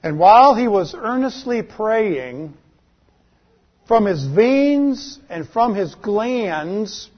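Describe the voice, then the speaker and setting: Husky slow-preaching male pastor. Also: sits high, muffled recording. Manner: slow, dramatic preaching with rising questions and falling endings. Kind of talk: sermon.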